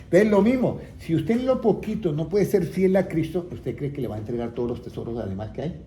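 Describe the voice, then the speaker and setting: A man's voice: fairly high pitch, lively intonation, brisk, warm tone. A man teaching the Bible to a small group, often asking them questions and waiting for answers. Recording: echoey room with faint background noise.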